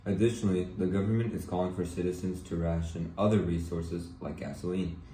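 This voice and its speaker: Deep voiced guy doing a 1940s news anchor, formal script reading, echoey room. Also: steady tone, a little fast, warm tone, lightly acted. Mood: earnest, formal. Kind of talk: scripted 1940s newscast role-play. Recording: roomy echo with faint noise.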